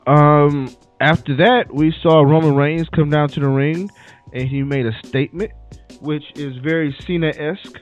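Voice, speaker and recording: A man's voice: fairly high pitch, fairly even intonation, measured pace. A man hosting a casual chat, recapping events in a laid-back storytelling way. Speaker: podcast host. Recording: muffled lo-fi with faint music.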